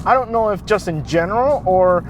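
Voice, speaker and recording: A man's voice: high-pitched, animated, fairly quick, a little hiss or hum. A man hosting a casual car review outdoors, talking enthusiastically with many fillers and restarts.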